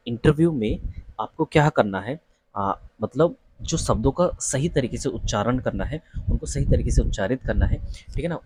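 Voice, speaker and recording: A man's voice: medium pitch, darkish tone, breathy edge, low-quality recording. A young man teaching an online lesson on pronunciation for job interviews, patiently repeating each word and checking in with his students. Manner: patient, repeats words and asks "ठीक है ना?". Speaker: teacher coaching interview candidates.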